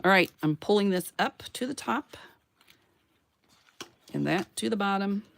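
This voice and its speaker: A craft channel host with a gravelly, medium-pitched voice talks at a measured pace, sounding animated. She runs a casual crafting tutorial, chatting to herself and her viewers as she works. Playful sound words and little self-cheers pepper her talk.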